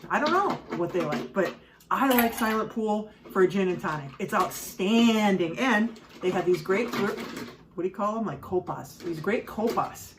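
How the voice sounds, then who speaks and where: An animated, medium-pitched woman from the Midwest hosts a home cocktail show, giving a casual how-to as she mixes drinks. Her talk rambles, with frequent fillers and asides, at a moderate pace. Background noise is present and she's a bit distant from the mic.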